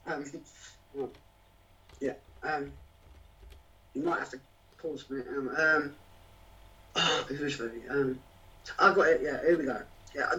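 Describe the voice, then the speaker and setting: A spoken-word poet performs rhythmic, rhyming verse and chats hesitantly, with fillers, between poems. His voice is on the high side, pushed and bright. The recording sounds distant, dull and lo-fi.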